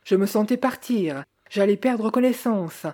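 A woman doing a male aviator in an audiobook, rattled yet polite. He hurries his words out of breath, in a warm, mellow voice. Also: mid-range voice, a little slow, lightly acted. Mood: urgent, shaken.

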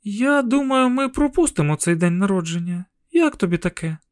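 Чоловік, що грає стривожену маму. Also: male voice, high voice, expressive, normal speed, smooth, no echo, pitched above the performer's own voice. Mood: worried tender. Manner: tense, commanding. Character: anxious protective mother, woman. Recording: dry close studio sound.

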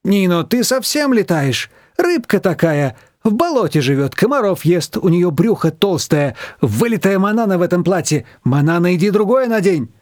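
A man voicing a bossy, excitable woman friend who talks loudly and exclaims. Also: high voice, normal speed, few pauses, no echo, clean studio sound, pitched above the performer's own voice. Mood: bossy, excited.

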